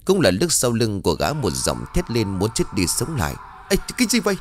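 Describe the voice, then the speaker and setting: A man narrating a ghost story in an animated storytelling manner. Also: lowish voice, normal speed, a little hiss or hum. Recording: dry studio voice with faint music.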